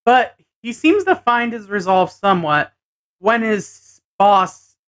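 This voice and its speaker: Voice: medium pitch, expressive, slow pace, a bit bright, smooth. A person giving a casual episode recap vlog, hesitantly thinking aloud as they go. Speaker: anime and tokusatsu episode reviewer.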